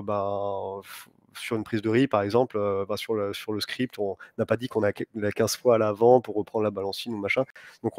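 A man's voice: medium pitch, darkish tone, no room sound, clean studio sound. A man in his thirties, a sailing instructor, explaining his teaching choices at an indoor conference, thoughtful and hesitant with fillers. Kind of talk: conference talk. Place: large sailing showroom, indoors.

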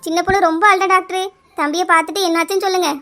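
A kindly village neighbour woman in a cartoon comedy, voiced by a woman, speaking with a Kanyakumari Tamil accent. Her voice is very high and bright, and she soothes and reassures. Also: flat delivery, rapid-fire. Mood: soothing.

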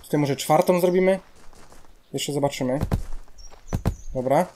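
A man's voice: a little high, unhurried, background noise. A young man speaking with a Polish accent, casually commentating a building game, chatting to himself and bursting into exasperated outbursts at the game. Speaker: let's play gamer.

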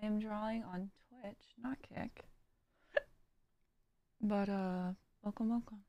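A young woman streamer chatting casually while drawing, tired and low on energy, soft-spoken and trailing off with small laughs. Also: fairly even intonation, slow pace, no echo, highs cut off.

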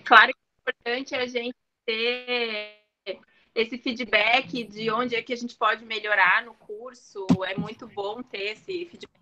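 A woman's voice: on the high side, fairly even intonation, slow pace, lo-fi sound, a crowd in the background. A woman teacher giving earnest, encouraging advice to students in a panel talk, with hesitant restarts.

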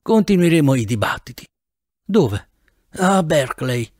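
A man's voice: a little high, very animated, measured pace, darkish tone, no room sound, studio quality. A male audiobook reader voicing an insistent, unflappable older professor who speaks curtly and matter-of-factly. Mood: laconic.

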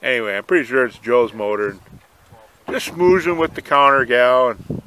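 An older man rambles in a folksy way while filming a fishing trip from a boat on a lake for a casual outdoor vlog. His mid-range voice is animated, pushed, and bright at a moderate pace, and the camera audio is noisy with wind and water.

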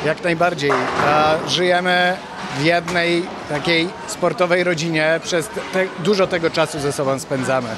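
A team psychologist in his forties, with a fairly high voice, calmly gives measured explanations in an on-camera interview. He speaks into a handheld reporter mic inside a noisy bowling alley, and the venue's clamor fills the background.

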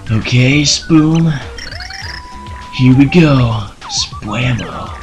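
A spaced-out little bomb creature in a video game, voiced by a man drawls in a slow, slangy stoner way, tossing in made-up explosion sounds between lines. His delivery sits a touch higher than an everyday voice. Video game music plays clearly behind him. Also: huge pitch swings, exaggerated voice. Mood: spacey.

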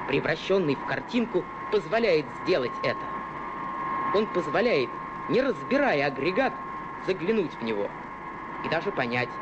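Casting: male science-film narrator, fairly high and lively, explanatory, dull old soundtrack with loud music. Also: very noisy. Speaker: presenter and narrator.

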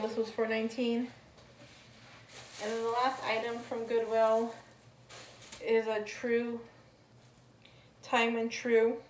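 Woman, casual home haul vlogger, rambling and chatty, slightly high voice, picked up off-mic in an echoey room. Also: slight background noise. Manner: chatty, rambling item-by-item descriptions. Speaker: thrift reseller vlogger. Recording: roomy, distant mic, faint ambience.

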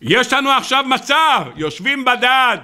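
A rabbi delivering a sermon, an animated storyteller who talks straight to his listeners. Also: extremely high pitch. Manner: animated storyteller, acts out the people in his stories; addresses the audience directly. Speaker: rabbi giving a weekly Torah talk.

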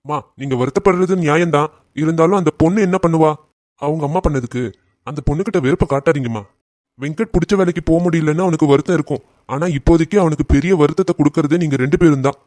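Guy doing nice cartoon auto driver calming a mom down, fast talk, bit high. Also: dry recording, close to an everyday voice. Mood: soothing. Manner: soothing, respectful. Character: kind young auto-driver friend, calm. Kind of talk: animated cartoon family drama.

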